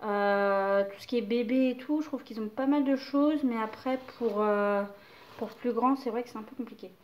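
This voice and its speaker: A woman's voice: fairly high pitch, normal speed, muffled recording. A young woman casually chatting about clothes to camera, hesitant and full of fillers. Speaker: mother showing baby clothes haul.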